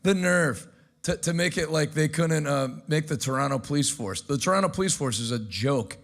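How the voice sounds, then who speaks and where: Sarcastic guy hosting a news show, gravelly voice, brash and loud. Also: fairly high pitch, moderate pace. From United States. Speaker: host. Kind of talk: energetic commentary.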